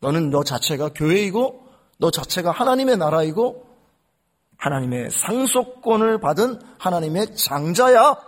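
A man's voice: sits high, sing-song, unhurried, full character voice. A man voicing God as a loving, reassuring father who speaks tenderly and affirms the listener, quoted in a sermon.

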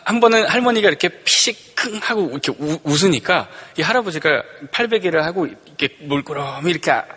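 Bright, husky-voiced preaching man in a hall. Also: a little high. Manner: preaching with rhetorical questions and dramatic swings between loud and hushed. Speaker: pastor. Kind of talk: sermon. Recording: long reverb from a large hall.

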